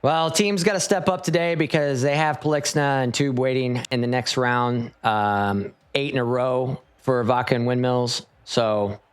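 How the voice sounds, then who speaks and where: A man's voice: mid-range voice, fairly even intonation, unhurried, hardly any pauses, smooth. A man commentating an online esports tournament in an easygoing, rambling, playful way.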